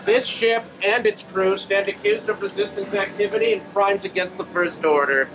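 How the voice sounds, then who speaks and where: An actor playing a stern military officer who gives formal, clipped orders to passengers as a ship tannoy announcement over a loudspeaker. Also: male voice, high voice, moderate pace. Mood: commanding. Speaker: ride announcer. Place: theme park ride queue. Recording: distant loudspeaker in a noisy ride.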